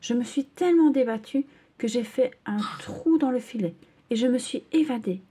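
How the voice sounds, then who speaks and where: A woman voicing a cheeky, acrobatic young male dolphin in a storybook reading, in a lifted, lively voice. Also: on the high side, normal speed, breathy edge, voice pushed up. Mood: telling.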